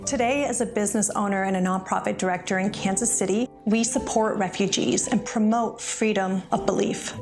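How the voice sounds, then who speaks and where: A woman reads a documentary voice-over in a measured, formal tone. Clear music plays beneath her. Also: medium pitch, steady tone.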